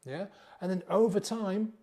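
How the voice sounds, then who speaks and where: Man coaching, mellow voice. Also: high voice, fairly even intonation, a little slow. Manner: conversational, acts out inner voices, frequent "yeah?" tags. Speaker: sobriety coach. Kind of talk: motivational talk to camera.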